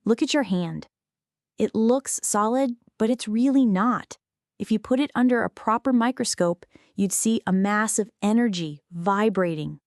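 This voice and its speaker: A woman reads an audiobook in a medium pitch, measuring out each phrase and enunciating clearly. Her scripted, explanatory delivery sounds a little mellow, and the recording is completely dry with no room sound.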